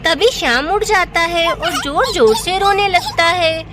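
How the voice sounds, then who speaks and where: A woman's voice: very high-pitched, lively intonation, unhurried, background noise. A woman narrating a children's doll story in a plain, explanatory way.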